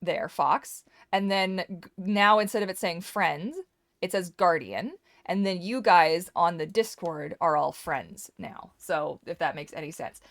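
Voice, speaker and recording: A woman with a slightly low voice hosts a live game stream. She chats casually and playfully with her viewers as she plays, welcoming them and teasing them along the way. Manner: welcoming, chatty host addressing viewers directly. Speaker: host of a live game stream and community server. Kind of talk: casual chat while playing a game.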